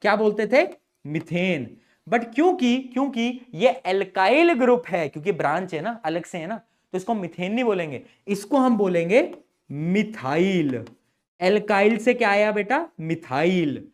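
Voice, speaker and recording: A man's voice: high-pitched, animated, measured pace. A young adult man teaching chemistry in a playful, chatty way, joking with his students. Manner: playful, chatty, calls students beta and bhai. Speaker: chemistry tutor. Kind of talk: chalkboard-style lesson explanation.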